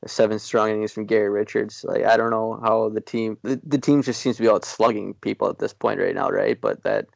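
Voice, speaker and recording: A man co-hosting a podcast, chatting casually about sports in a rambling, self-deprecating way with halting restarts. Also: on the low side, fairly even intonation, vocal fry, no room sound. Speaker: podcast co-host.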